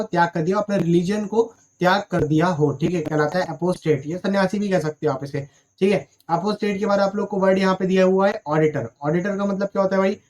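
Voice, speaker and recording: A man's voice: high voice, darkish tone. A young man teaching exam vocabulary in a recorded lesson, explaining each word with rhetorical questions and checking in after almost every line.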